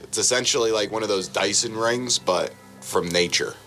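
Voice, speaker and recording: A man co-hosting a casual chat show, rambling through explanations with relaxed swearing. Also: fairly low pitch, moderate pace, soft background music. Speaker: podcast co-host.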